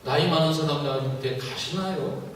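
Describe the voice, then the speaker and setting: A stubborn old grandmother with a Gyeongsang dialect answers in blunt, clipped, folksy lines, as a man puts her on. The voice sits fairly high. It is heard from far off in a long, echoing hall. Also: normal speed, close to an everyday voice. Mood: indignant.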